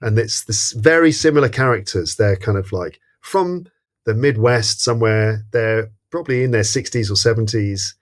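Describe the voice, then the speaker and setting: A man with a fairly low voice chats casually about a comedy film on a podcast. He talks in a thoughtful, hesitant way, restarting his sentences as he works out his point. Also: normal speed. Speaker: podcast co-host. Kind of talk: casual film review chat.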